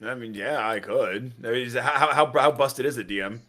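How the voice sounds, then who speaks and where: A man's voice: mid-range voice, brisk, sharp tone. A man from New Jersey playing a tabletop game, bantering animatedly and swearing freely. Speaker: player.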